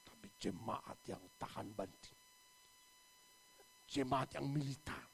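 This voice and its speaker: A male pastor preaching a sermon, telling stories dramatically and acting out the people in them with sudden loud bursts. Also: very high voice, wildly swooping pitch, slow, creaky, slight background noise. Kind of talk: sermon with storytelling. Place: church.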